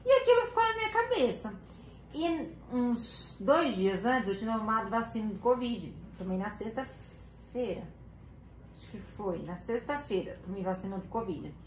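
Here a young Brazilian vlogger, accented in Brazilian Portuguese, recounts something personal to her audience, chatting away, self-correcting and voicing her relatives' lines. Her fairly high voice is expressive and moderately paced, and the home video sounds roomy with a bit of faint noise.

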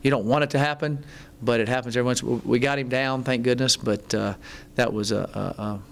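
A middle-aged man, a head football coach, answering reporters at a postgame press conference, halting, with many ums and restarts. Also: medium pitch, steady tone, gravelly, slight background noise. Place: press conference room, seated at table. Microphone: table mic in front.

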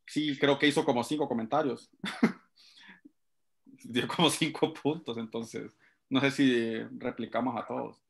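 A man's voice: mid-range voice, steady tone, unhurried, gravelly, pauses often. A man speaking as a guest linguist, explaining to a class in a conversational way. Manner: explanatory, addresses listeners directly.

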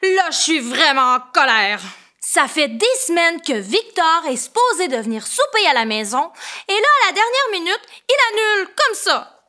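A woman's voice: extremely high pitch, sing-song, moderate pace, sharp tone. A woman with a Québécois French accent, a children's entertainer talking straight to young children and openly showing her anger. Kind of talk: children's show monologue.

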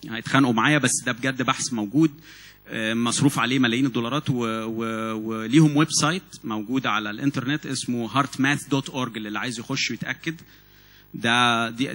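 A man with an Egyptian Arabic accent preaching a sermon in an animated way, often repeating and restarting words. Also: medium pitch, slightly rough. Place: church meeting hall.

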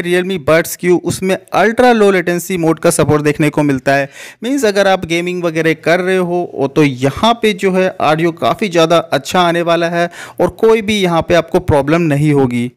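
A man giving a casual voice-over comparison of two gadgets, explaining each point plainly and calling viewers his friends. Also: a little high. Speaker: tech reviewer.

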